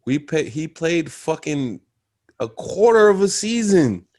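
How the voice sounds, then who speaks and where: Animated young man trash-talking basketball. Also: a little high, a little slow. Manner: loud, swearing, animated trash talk. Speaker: podcast co-host. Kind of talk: casual sports debate.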